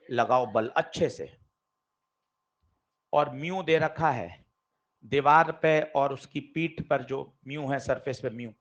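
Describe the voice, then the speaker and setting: A man teaching a physics class, lively and quizzing his students directly. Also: fairly high pitch. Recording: dull lo-fi classroom recording.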